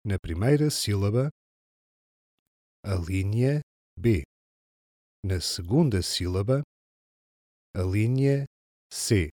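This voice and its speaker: A man with a European Portuguese accent, slowly reading listening-test instructions and answer options. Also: fairly low pitch, expressive, warm tone, no room sound, studio quality. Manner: slow, deliberate, instructional. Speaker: exam narrator. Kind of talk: scripted narration of a listening test.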